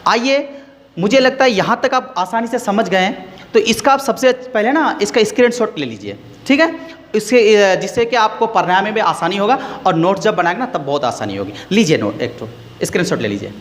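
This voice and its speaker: A man teaches a grammar lesson in a high, very animated voice that leaps up and down as he stresses each point. He goes over terms again and again and keeps quizzing his listeners. The room gives his voice a long, ringing reverb. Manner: explains slowly, repeats key words, quizzes listeners.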